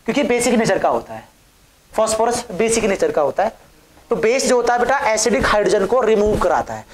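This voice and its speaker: A woman teaching a chemistry class, coaxing her students with questions that she answers herself. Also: fairly high pitch. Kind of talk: classroom lecture. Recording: echoey room.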